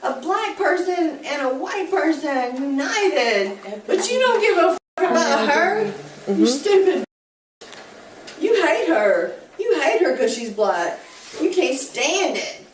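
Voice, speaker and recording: A woman's voice: high-pitched, sing-song, slow, distant mic. A woman in her sixties, arrested, shrieking, swearing and arguing with officers, recorded on a body camera. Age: 60s. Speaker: arrested driver. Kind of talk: bodycam footage. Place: police station, indoors. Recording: noisy echoey bodycam audio from afar.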